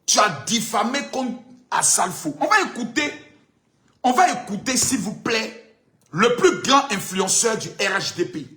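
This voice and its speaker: A man ranting and mocking someone on a live stream, with sing-song taunts and loud shouted calls. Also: sits high, lively intonation, measured pace.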